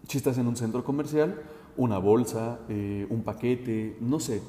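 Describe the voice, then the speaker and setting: Man instructing, warm voice, echoey room. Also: mid-range voice, fairly even intonation, a little slow. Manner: direct and instructive, with frequent 'eh' fillers. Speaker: safety instructor. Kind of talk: instructional talk addressed to the listener. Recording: roomy with long reverb.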